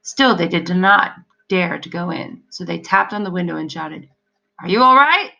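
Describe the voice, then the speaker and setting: Bright-voiced woman reading a storybook. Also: fairly low pitch, creaky, highs cut off. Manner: expressive, measured. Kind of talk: storybook read-aloud narration.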